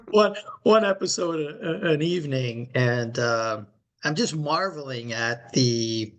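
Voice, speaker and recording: A middle-aged man recovering from knee replacement surgery co-hosts a podcast over remote call audio. He chats casually and rambles with many fillers and restarts, in a fairly high, animated voice at a slow pace.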